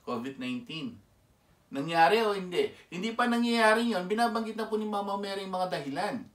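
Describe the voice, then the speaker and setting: A high-pitched man with a Filipino accent delivers an emphatic lay sermon, firing rhetorical questions at his listeners. He is recorded from a distance in a roomy, echoing space. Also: expressive, a little fast, fairly bright tone. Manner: emphatic, keeps asking the audience rhetorical questions. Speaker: lay preacher. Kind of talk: Taglish sermon commentary. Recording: echoey room, mic set far off.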